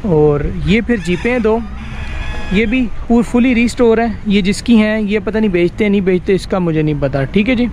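In a casual walk-and-talk, a vlogger shows off the vehicles in an outdoor workshop yard, chatting away with frequent "ji" and "dekh rahe ho". He speaks with a Pakistani Urdu accent at normal speed, his voice sitting high, a little mellow, with lively intonation, over street noise.

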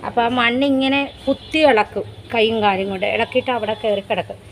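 A woman's voice: fairly high pitch, brisk, a little hiss or hum, poor audio. A woman, chatting tenderly in a casual pet vlog, recorded outdoors at a house. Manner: chatty, tender, often coos to the dogs. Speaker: pet vlogger.

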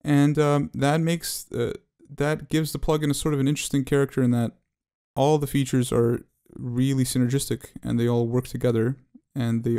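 A man with a medium-pitched voice presents an unscripted tutorial for software he developed, explaining technical details in a halting, hesitant manner.

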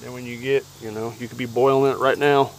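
A man casually narrating his camp cooking outdoors in the woods, relaxed and plain-spoken, giving practical tips. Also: medium pitch, fast talker, a little hiss or hum. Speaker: outdoors vlogger.

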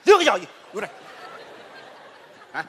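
An actor playing a hot-tempered husband who shouts accusations in a stage comedy sketch. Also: male voice, normal speed, long reverb tail, a little hiss or hum, natural voice. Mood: accusing.

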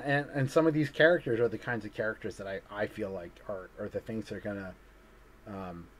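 A man's voice: lowish voice, a bit bright, slight background noise. A man, an artist, chatting casually over a video call, rambling and hesitant with lots of fillers and restarts. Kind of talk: casual conversation.

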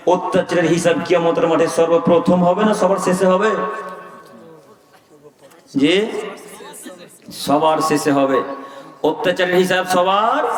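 A male preacher, delivering a sermon full of scolding rhetorical questions to his listeners. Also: high-pitched. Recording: echoey hall recorded from far off.

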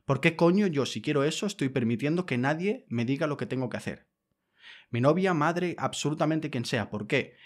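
A man's voice: on the high side, expressive, moderate pace. Guy from ranting on his podcast, blunt, swears a lot, pushy and emphatic. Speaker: podcast host. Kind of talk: casual monologue.

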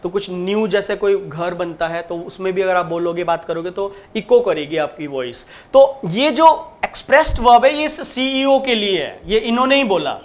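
High-voiced man teaching grammar. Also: animated. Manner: explains step by step, drawls the English example sentences slowly; emphatic, repeats points and keeps checking in. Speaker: English teacher. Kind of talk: exam-prep grammar lecture.

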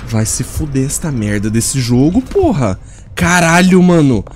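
A man's voice: medium pitch, sing-song, measured pace, a little hiss or hum. A young man commentating a horror game, swearing constantly and sounding exasperated and shaken. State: sweaty and shaken. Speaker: gamer.

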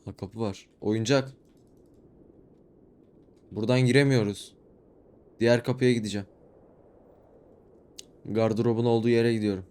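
A young man giving low-key let's play commentary, muttering his way through a horror game and reading its dialogue aloud in a flat voice. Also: unhurried, pauses often. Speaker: gaming YouTuber.

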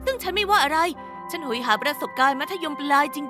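A woman narrating a first-person animated story dub in a lively, chatty way. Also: high voice, fast talker, over music.

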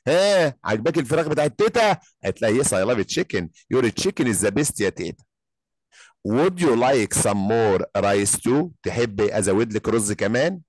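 A man with an Egyptian Arabic accent teaching an English lesson, drilling phrases slowly, then explaining quickly. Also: mid-range voice, very animated, darkish tone, dry recording.

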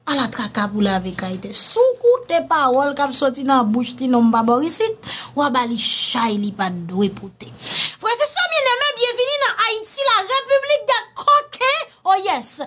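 A Haitian woman talks straight to her audience in lively commentary, her voice sitting high. She keeps calling the listeners brothers and sisters as she goes. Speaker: online commentator. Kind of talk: casual commentary.

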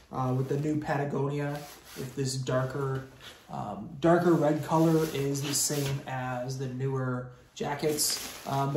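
Casual man reviewing gear, fairly high voice. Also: background noise. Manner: relaxed, many ums, shows items while talking. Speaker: volunteer ski patroller. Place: snowy outdoor deck, then indoor garage.

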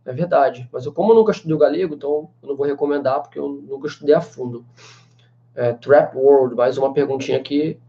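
This twenty-something Brazilian language teacher has a medium-pitched, dark voice and talks fast. Answering questions on a live stream, he is chatty and loaded with fillers such as "né" and "cara," in a small indoor room with a banner behind, heard through slightly dull lo-fi webcam sound.

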